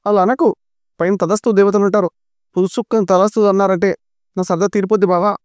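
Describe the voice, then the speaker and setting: A man's voice: sits high, steady tone, brisk, a little mellow, no room sound, pitched above the performer's own voice, natural voice. A man voicing a cheeky young brother-in-law who teases and jokes sarcastically. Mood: teasing. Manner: teasing, sarcastic.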